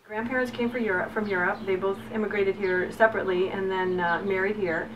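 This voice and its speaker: A woman's voice: medium pitch, steady tone, brisk, highs cut off. Chatty middle-aged woman, recorded from a distance. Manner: enthusiastic, chatty, many fillers. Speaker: farm owner. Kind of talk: casual interview storytelling. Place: outdoors on a farm. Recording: distant mic with background noise.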